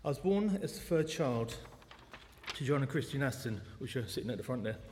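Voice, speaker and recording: A man's voice: medium pitch, very animated, fairly quick, darkish tone, a little hiss or hum. A man in his forties from South London, with a South London accent, giving a personal testimony talk at a church service in a chatty, self-deprecating way. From South London, England. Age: 40s. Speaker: lay speaker at a church service. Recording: long church hall reverb.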